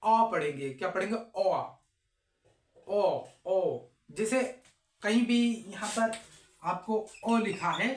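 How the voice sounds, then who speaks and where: A teacher walks through a phonics lesson at a very slow, deliberate pace. Each sound is drawn out and repeated, and the teacher keeps asking questions and answering them. The voice sits mid-range in a room with a noticeable echo. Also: mid-range voice.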